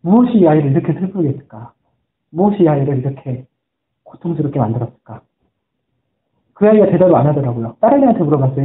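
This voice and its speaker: A man preaching a sermon as a pastor, earnest and telling stories in which he quotes people's words. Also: on the high side. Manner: earnest storytelling, quoting voices. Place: church sanctuary. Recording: echoey room on a tinny phone-like line.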